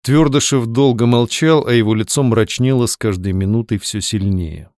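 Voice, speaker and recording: A man reading a novel aloud as an audiobook in a measured, expressive way. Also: mid-range voice, no echo, studio quality. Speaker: audiobook reader. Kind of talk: scripted narration of a novel.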